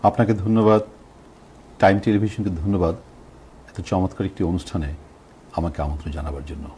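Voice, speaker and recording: A man's voice: deep voice, steady tone, brisk, mellow, slight background noise. A middle-aged man with a Bangladeshi accent, a talk show guest speaking reflectively and repeating phrases for emphasis. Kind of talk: reflective reminiscing in conversation.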